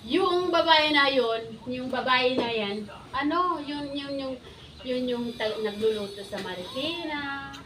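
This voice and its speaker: A middle-aged woman with a high voice recounts a story from her past in casual chat, speaking a little slowly. She animatedly acts out what everyone said and keeps bursting into laughter. Her voice sounds roomy and slightly distant from the mic.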